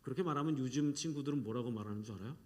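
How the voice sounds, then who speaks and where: A middle-aged male pastor preaching a sermon in an animated way, acting out quoted voices and sometimes dropping to a soft whisper. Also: medium pitch, very fast.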